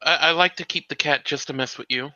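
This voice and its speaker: This man's voice is a little high, fast and sharp, with no echo, recorded on a dry, dull lo-fi mic. He's appearing as a guest cartoonist on a casual stream, chatting in a joking, hesitant and laid-back manner.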